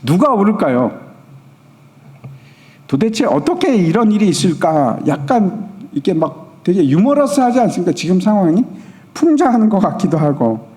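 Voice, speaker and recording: Korean pastor preaching in an echoing hall. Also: male voice, sits high, big pitch swings, normal speed, a little mellow. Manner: storytelling, asking the congregation questions. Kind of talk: sermon at a Friday prayer meeting. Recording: long church hall reverb.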